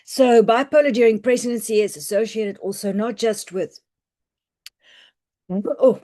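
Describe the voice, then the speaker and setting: A woman physician teaches on a video call, her voice hoarse and croaky. She explains clinical points in a practical, reassuring way. Her delivery is loose and conversational. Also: fairly high pitch, a little slow, mellow. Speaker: family physician presenting a webinar. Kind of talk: online medical teaching talk. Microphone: computer mic on a video call.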